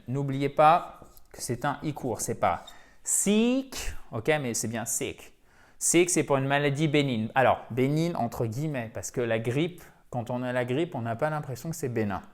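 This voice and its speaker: Guy teaching english online, super emphatic, keeps repeating words. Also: medium pitch.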